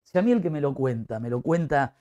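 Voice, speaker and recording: A man with an Argentine Rioplatense accent ranting comically as an excitable, exaggerated football fan. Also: mid-range voice, a little fast, dull audio. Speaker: comic talk show host. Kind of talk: comic rant.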